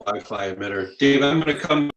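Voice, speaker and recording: A man's voice: medium pitch, animated, a little fast, fairly bright tone, muffled recording. A homeowner, a man, on a video call with a bad connection that keeps breaking up, checking in short, plain phrases whether he can be heard. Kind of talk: casual chat on a video call.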